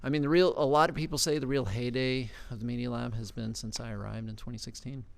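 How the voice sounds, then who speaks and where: A man's voice: mid-range voice, fairly even intonation, fast talker, creaky. A man hosting a podcast interview, loose and joking, with a self-mocking manner. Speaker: podcast host. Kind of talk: casual interview chat.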